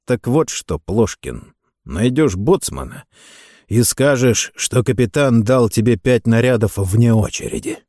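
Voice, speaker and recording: A man doing a strict gruff space captain. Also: medium pitch, lively intonation, measured pace, dry recording, studio quality, close to an everyday voice. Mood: stern. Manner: curt barked commands, deceptively soft. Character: stern middle-aged male ship captain, gruff, strict.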